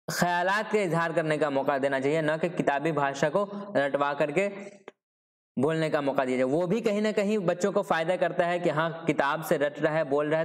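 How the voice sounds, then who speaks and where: A man lectures students for an exam, his voice sitting a little high for a man. He moves point by point, asks himself questions and answers them, and checks in with a steady "ठीक है" as he goes. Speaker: teacher. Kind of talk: exam-prep lecture on Urdu pedagogy.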